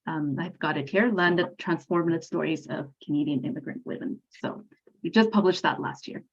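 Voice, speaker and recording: A woman from India with a notably deep voice speaks fluently and graciously as a panelist. Her audio is dull and muffled, coming through a video call. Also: moderate pace, breathy edge. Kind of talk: casual talk show introduction.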